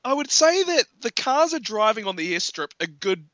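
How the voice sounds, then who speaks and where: A man in casual film chat, animated, laughing often and acting out quotes. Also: sits high, normal speed, dry recording, highs cut off.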